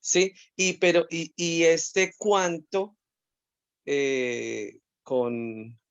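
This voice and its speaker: A man's voice: on the high side, flat delivery, very slow, creaky, a bit bright, clean tone, no echo. A man with a Colombian accent, a course participant, asks hesitantly about a spelling rule, repeating words and apologizing. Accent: Colombian Spanish. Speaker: course participant asking a question. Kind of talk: hesitant question on a video call. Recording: dry, dull video-call audio.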